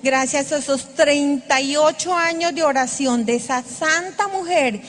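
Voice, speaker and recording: A woman's voice: high voice, unhurried. Woman quoting a tearful old father. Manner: tearful, imploring. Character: grieving elderly father praying to God. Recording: long reverb of a large hall.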